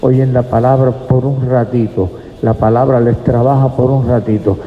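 A man's voice: mid-range voice, flat delivery, moderate pace. A man preaching a sermon in a church, emphatic and speaking to the congregation as brothers. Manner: emphatic, addresses listeners as brothers. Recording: echoey hall, dull lo-fi sound.

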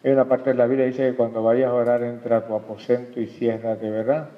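A man's voice: mid-range voice, little pitch movement, fast talker. A man preaching a sermon, often turning to the congregation with questions and calling them brother. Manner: addresses the congregation directly with questions and "hermano". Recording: lo-fi recording with long hall reverb.

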